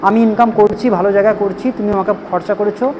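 A man's voice: sits high, steady tone, quick pace, a little mellow, a little hiss or hum, poor audio. A male spoken English teacher, lecturing students firmly and often asking if they understood. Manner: firm, repeatedly checks understanding. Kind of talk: classroom lecture, scolding and advising students.

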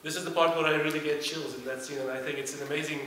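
A man's voice: on the high side, fairly even intonation, rapid-fire, a bit bright. A man in an audience giving a spontaneous comment in a discussion. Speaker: audience member. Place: large lecture theatre. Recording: very echoey hall with background noise.

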